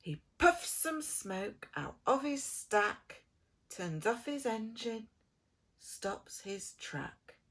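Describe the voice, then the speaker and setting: A high-leaning female voice, moving extremely slowly, reads a picture book for children. She acts as a theatrical preschool storyteller, drawing out words and easing into soft, hushed phrasing.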